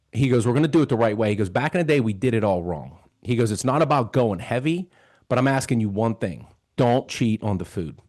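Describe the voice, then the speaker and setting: A man's voice: mid-range voice, darkish tone. Earnest man in his fifties telling a story. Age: 50s. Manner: earnest, retelling dialogue with lots of "he goes". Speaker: host. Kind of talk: casual storytelling.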